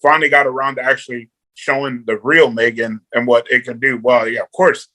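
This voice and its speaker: Man, guest reviewer, bright tense voice, rambling casual chat. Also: mid-range voice, little pitch movement, brisk, poor audio. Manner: rambling, repeats words, says "you know" often.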